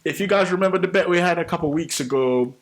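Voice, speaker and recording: A man's voice: a little high, fast. A young man, hosting a podcast and chatting casually in a teasing, laughing way. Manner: animated, teasing, laughs often. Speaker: podcast host. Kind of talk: casual chat. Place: podcast studio.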